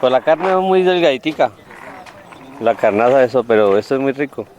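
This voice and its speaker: A man from Colombia answers in short, matter-of-fact replies at a middle pitch. He is interviewed as a fruit buyer outdoors at a river market. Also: animated, moderate pace, a little mellow, dull audio, a little hiss or hum. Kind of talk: on-the-street interview.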